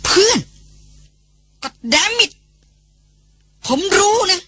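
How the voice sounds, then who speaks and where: A woman's voice: very high-pitched, animated, extremely slow, sharp tone, a little hiss or hum, pitched above the performer's own voice, full character voice. A woman voicing a hot-tempered young officer. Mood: angry. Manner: angry outbursts, then pleading.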